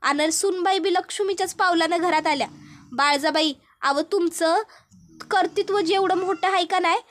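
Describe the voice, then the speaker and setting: A woman playing a sly, flattering village woman. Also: very high voice, normal speed, a little hiss or hum. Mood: mocking. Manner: sweet-talking rustic flattery.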